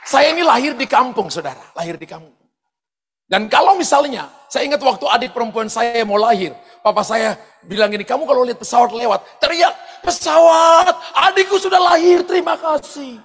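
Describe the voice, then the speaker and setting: A pastor telling personal stories in a sermon, animated, often shouting out quoted lines and laughing as he goes. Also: very high voice, brisk, slightly rough. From eastern Indonesia. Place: large church hall. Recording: long hall reverb from church sound system.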